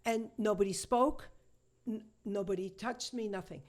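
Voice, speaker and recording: A woman, a shamanic healer, telling a personal story in an interview, halting and emotional, with many restarts and repetitions. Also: medium pitch, a little mellow.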